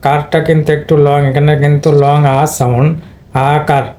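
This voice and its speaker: A man teaching in a low, mellow drone. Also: little pitch movement, fairly quick. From Bangladesh. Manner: explains step by step, repeats words, throat clearing. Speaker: English pronunciation teacher. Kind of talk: informal spelling and pronunciation lesson.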